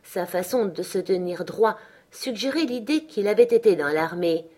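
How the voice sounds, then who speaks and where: A woman's voice: mid-range voice, animated, normal speed, mellow. Woman narrating a classic novel. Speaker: audiobook narrator. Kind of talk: literary audiobook narration.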